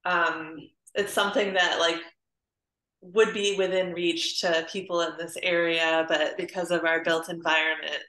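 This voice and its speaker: Bright-voiced woman from Illinois, roomy echo. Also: fairly low pitch, little pitch movement, measured pace. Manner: polite, hesitant, with fillers like "um" and "like". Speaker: audience member asking questions. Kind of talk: casual conversation.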